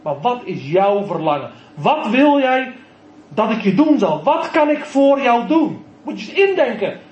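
A man's voice: very high-pitched, very animated, unhurried, reverberant, muffled recording. A man preaching an evening sermon, telling the story animatedly and acting out the quoted people. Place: church.

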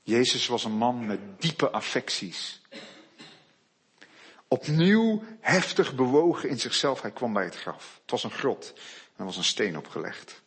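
A man preaching a sermon, reading Bible passages slowly and quietly, then building to loud, emphatic declarations. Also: on the low side, husky.

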